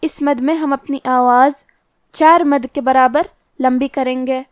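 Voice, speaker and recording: High-pitched woman going through recitation rules step by step, very dry sound. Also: fairly even intonation, no echo. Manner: slow, methodical explanation of each letter rule. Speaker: Quran recitation teacher. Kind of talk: tajweed lesson explaining rules.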